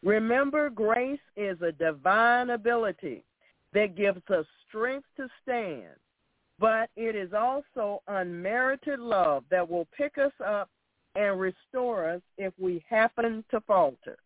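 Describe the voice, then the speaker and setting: A man preaching a sermon with scripture, speaking in an emphatic, admonishing way and deliberately repeating phrases. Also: high voice, expressive, no room sound. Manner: admonishing, exhorting. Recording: thin, narrow phone-like sound.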